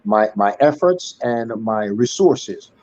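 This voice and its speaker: A man's voice: mid-range voice, animated, slow, darkish tone, no echo, lo-fi sound. A man in his sixties, a school alumnus speaking as a guest on an online panel, with ornate, churchly phrasing and many fillers and restarts. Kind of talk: formal online panel talk.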